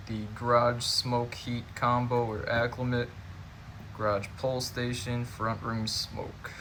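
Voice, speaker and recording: A man's voice: medium pitch, bright, forceful tone, slight background noise. A man giving a casual hands-on demonstration, narrating each step informally as he goes. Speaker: fire alarm hobbyist demonstrator.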